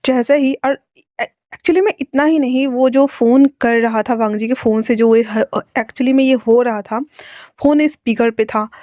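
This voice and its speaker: A woman's voice: fairly high pitch, fairly even intonation, normal speed, warm tone, no room sound. A woman casually narrating a fan fiction story, chatty with asides and restarts. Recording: dull lo-fi dry recording.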